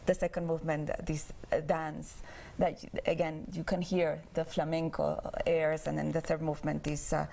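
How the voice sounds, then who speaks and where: Pianist lady from venezuela, a bit gravelly, hesitant, faint hiss. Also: low-pitched, level tone, normal speed, few pauses, dark tone. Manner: hesitant, repeats words. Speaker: concert pianist. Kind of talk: interview guest. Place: TV studio.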